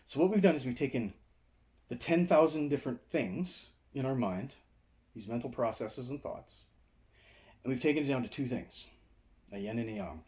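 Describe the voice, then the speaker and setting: Mellow-voiced man teaching meditation. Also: mid-range voice, expressive, normal speed, pauses often. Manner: conversational, explains with frequent "right?" and "okay?" check-ins. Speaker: meditation and martial arts teacher. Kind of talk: casual video lecture to camera. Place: indoors, seated.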